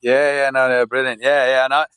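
A man's voice: medium pitch, flat delivery, a little fast, pushed and bright, smooth, dry recording, low-quality recording. A British man in his forties, a guest chatting casually in an interview, rambling with many restarts and fillers. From United Kingdom. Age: 40s. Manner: rambling, many restarts, frequent "yeah" and "you know". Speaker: podcast guest.

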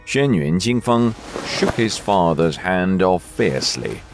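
A man reads a story aloud slowly in a very deep voice. His pitch moves expressively, and faint music plays behind him. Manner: slow, expressive reading. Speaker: narrator. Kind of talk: storytelling narration.

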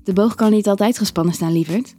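A woman's voice: mid-range voice, quick pace, dark tone, slightly rough, faint music behind, lightly acted. A woman reading the lines of a playful, seductive wife in an erotic audio story, with a teasing, affectionate manner.

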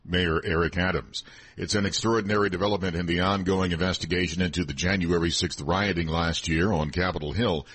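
A man's voice: low-pitched, fairly even intonation, fairly quick, a bit bright, breathy edge. A man reading scripted headlines as a radio newsreader.

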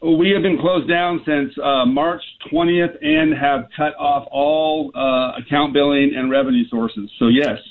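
A man's voice: a little high, steady tone, a little slow, few pauses. A middle-aged man calling in to a radio show, earnestly laying out his points one by one with plenty of "you know" fillers. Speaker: guest, small business owner. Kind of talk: phone-in radio interview. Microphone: telephone. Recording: tinny phone line.

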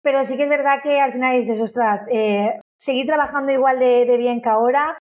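A woman with a high voice talks in an interview about the company she runs. She is enthusiastic and keeps repeating words as she goes. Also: steady tone, brisk, a little mellow, muffled recording. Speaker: business owner.

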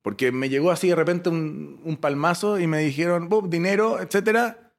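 A man from Chile, a startup founder in his forties, telling stories as an interview guest with an expressive delivery that swings between loud bursts and soft asides. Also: on the high side, fairly quick, creaky. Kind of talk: animated storytelling interview.

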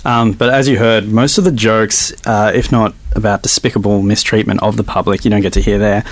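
A man co-hosting a radio show with casual, halting commentary. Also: on the low side, steady tone. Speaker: radio co-host.

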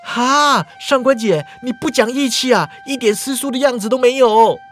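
A man's voice: on the high side, expressive, moderate pace. A man voicing a nervous young constable in a storytelling podcast, in a near-natural voice. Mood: anxious. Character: anxious young male constable.

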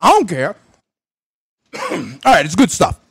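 A man's voice: high voice, unhurried, breathy edge, dry recording. A young man hosting a fantasy sports radio show, chatting casually and animatedly while opening gifts. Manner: animated, exclaiming, talks with mouth full.

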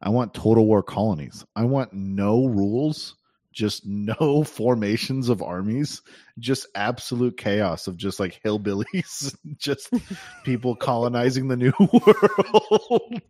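A man's voice: medium pitch, expressive, slow, mellow, dry recording. A man co-hosting a gaming podcast in casual chat, rambling and laughing often mid-sentence. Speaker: podcast co-host.

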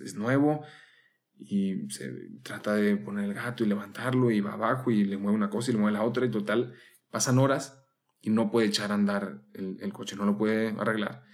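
A young man, a religious novice, giving a spoken spiritual reflection in a conversational way, often ending sentences with a questioning tag. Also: mid-range voice. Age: young adult. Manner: conversational, adds questioning tags to his sentences.

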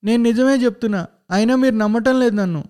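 A man's voice: very high voice, fast talker, a little mellow, clear, resonant tone, pitched above the performer's own voice. A man voicing a ten-year-old boy who cries and pleads. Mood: pleading. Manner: crying, pleading.

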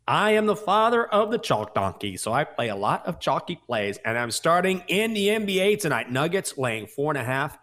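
A man's voice: medium pitch, fairly bright tone. A man co-hosting a sports betting show, delivering picks and banter with confident, theatrical tipster hype.

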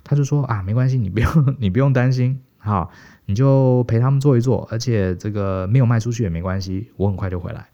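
A middle-aged man from Taiwan telling stories casually as a podcast co-host, animated and chuckling. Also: mid-range voice, fast talker. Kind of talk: casual storytelling. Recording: dull, muffled podcast audio.

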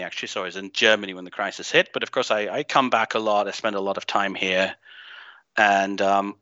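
The guest, a man who grew up in Greece, has a lowish voice that is bright, forceful, clear and resonant. He swears and speaks plainly in this casual podcast interview, with plenty of ums and restarts. The dry recording has no room sound but is slightly muffled.

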